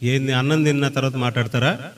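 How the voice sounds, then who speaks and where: A man's voice: mid-range voice, steady tone. A man preaching a sermon in a church meeting, reading scripture and coaxing the congregation to call out the answers. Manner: sings a hymn slowly before preaching. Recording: voice from far off the mic.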